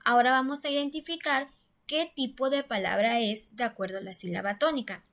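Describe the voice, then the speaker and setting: A woman's voice: on the high side, fairly even intonation, brisk, a bit bright. Patient woman teaching a lesson. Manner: patient, step-by-step explaining, stresses syllables aloud. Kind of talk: classroom-style grammar lesson.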